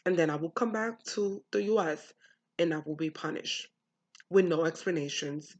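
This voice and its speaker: Talking at a normal speed in a low-pitched voice, a young adult vlogger from the United States gives a candid monologue on how she was raised, frank, blunt and full of swearing. The audio sounds dull.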